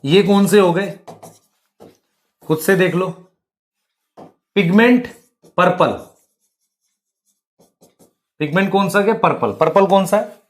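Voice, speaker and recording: Man, high voice, biology lesson, rhetorical questions, calls students beta. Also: takes it slowly, pauses often. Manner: addresses students as beta and bhai. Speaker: biology teacher.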